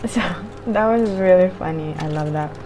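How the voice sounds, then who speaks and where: A woman with a slightly low voice speaks at normal speed, chatting informally while eating on camera as she reviews a show. Her talk drifts from thought to thought in a casual mukbang style, with occasional offhand swearing, and background noise is clearly audible.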